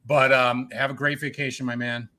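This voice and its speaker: A man with a heavy Boston accent, hosting a podcast from his bedroom and trading jokes in quick banter. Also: medium pitch, flat delivery, pushed and bright. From suburbs of Boston, United States. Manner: fast, joking banter. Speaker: podcast host. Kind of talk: casual chat.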